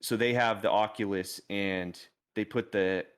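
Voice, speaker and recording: A man co-hosting a gaming podcast, telling a story in lively casual chat and laughing easily. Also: lowish voice, measured pace, clear, resonant tone. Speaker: podcast co-host.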